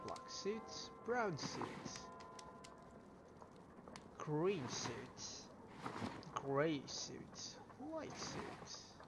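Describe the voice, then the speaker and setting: A man's voice: fairly high pitch, very animated, extremely slow, pauses often. A man giving casual let's-play commentary, chatty and often tagging his remarks with "yeah?". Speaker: gaming streamer. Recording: noisy home recording.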